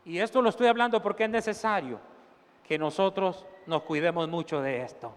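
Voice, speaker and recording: A male pastor preaching a sermon, animated, acting out the scene and laughing at his own jokes. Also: high-pitched, brisk. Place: church. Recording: long church hall reverb.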